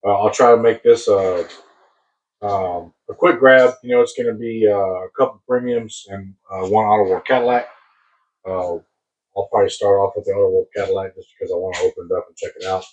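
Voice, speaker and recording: An American man rambling casually as he hosts a hobby unboxing video, husky, on a close mic that sounds boomy and muffled, like inside a submarine. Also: steady tone, a little fast, darkish tone. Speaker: host of a diecast car collecting channel. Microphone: new mic placed very close.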